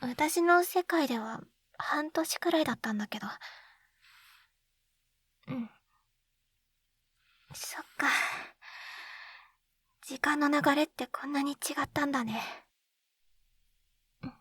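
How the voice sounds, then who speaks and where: High-voiced and a bit bright, with no room sound, a woman plays a tender, shy schoolgirl in love, reunited from another world, for an intimate Japanese ASMR roleplay. Recorded close on a binaural dummy-head microphone, she sounds soft and wistful, breathy and halting, frequently slipping into whispers.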